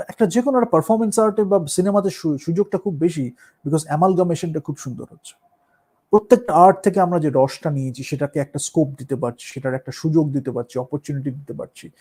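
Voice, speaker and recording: Bengali-accent guy musing about art, kinda high mellow voice, lots of uhs and english bits. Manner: thoughtful, mixes Bengali and English, with many fillers. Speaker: musician and performer. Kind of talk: casual talk on art and performance.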